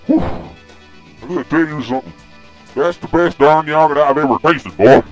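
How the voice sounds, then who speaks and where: A man voicing a brash Texan company boss with a booming, folksy drawl in a comedy story. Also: moderate pace, soft background music, close to an everyday voice. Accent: Texan, put on.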